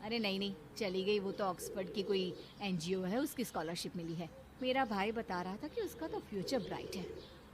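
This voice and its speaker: A woman's voice: medium pitch, moderate pace, a crowd in the background, close to an everyday voice. A woman voicing a bitter middle-aged stepmother who taunts and complains in a cartoon story. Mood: complaining.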